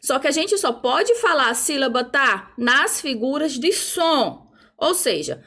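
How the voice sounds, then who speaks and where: High-pitched lady teaching rhythm online, patient, keeps checking everyone's following. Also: a bit bright. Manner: patient explaining, frequent "ó" and "tá?" checks; chants rhythm syllables while conducting. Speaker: music teacher. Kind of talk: online music theory lesson.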